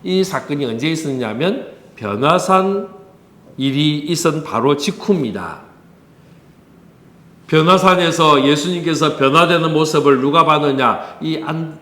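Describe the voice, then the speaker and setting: A man's voice: on the high side, a bit bright, echoey room. A man with a Busan Korean accent, a pastor giving a conversational sermon that he keeps moving with rhetorical questions. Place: church.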